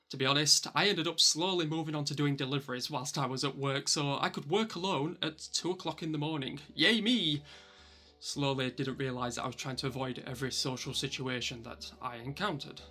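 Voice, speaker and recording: Bloke w broad yorkshire accent doing a youtube vlog, sharp bright voice, wry and self mocking, bit of music behind. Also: male voice, a little high, fairly even intonation, a little fast. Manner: self-deprecating, wry sarcastic asides. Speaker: YouTube vlogger. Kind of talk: scripted personal vlog narration to viewers.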